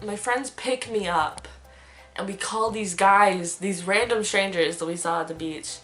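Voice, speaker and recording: A young woman vlogging, telling a story in a casual, animated way and laughing often as she talks. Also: medium pitch, unhurried.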